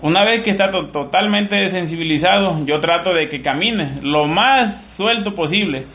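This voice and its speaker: A man from Mexico, a horse trainer, calmly explaining his methods in an interview with frequent filler words. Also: high-pitched, moderate pace, roomy sound. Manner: calm, explanatory, many "este" fillers. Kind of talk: interview answers. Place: outdoors at a ranch.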